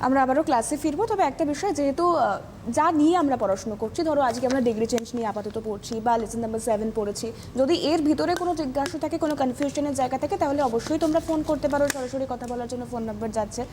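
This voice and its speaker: A woman anchoring a live TV lesson, taking viewers' calls in a brisk, polite way. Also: high voice, a little mellow, slight background noise. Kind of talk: live TV phone-in hosting.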